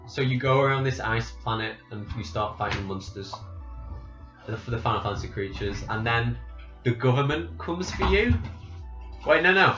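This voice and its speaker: A man recapping a game's plot from memory in casual chat, rambling and halting, with lots of restarts. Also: mid-range voice, expressive, over music. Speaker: podcast host. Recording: roomy, slightly dull home recording.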